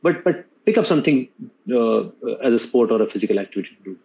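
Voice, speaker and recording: A man's voice: medium pitch, expressive, fast, mellow, muffled recording. A middle-aged man with an Indian accent giving earnest, unscripted advice as an interview guest, often repeating words for emphasis. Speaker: podcast guest, mentor to students.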